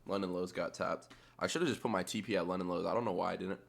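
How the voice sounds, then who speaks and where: A man's voice: low-pitched, steady tone, fast talker, creaky. A man giving casual screen-share commentary as a trader, thinking aloud in an offhand, muttering way with casual swearing. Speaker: trader narrating a chart replay.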